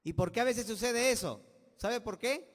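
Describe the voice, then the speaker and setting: Peruvian pastor, high male voice, emphatic sermon delivery, long hall reverb. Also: moderate pace. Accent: Peruvian Spanish. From Peru. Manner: preaching with call-and-response asides, swelling and dropping volume.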